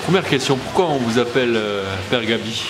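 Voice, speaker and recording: A man's voice: mid-range voice, expressive, brisk. A man interviewing a restaurant owner, asking prepared questions in a polite, formal way. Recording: echoey room with music behind.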